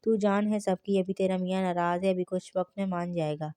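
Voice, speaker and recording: A cheeky, brash young woman who talks in street slang, as a woman reading a novel puts her on. The voice sits low and flat with a mellow tone. It is a storybook reading. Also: smooth, no echo, lightly acted. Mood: teasing.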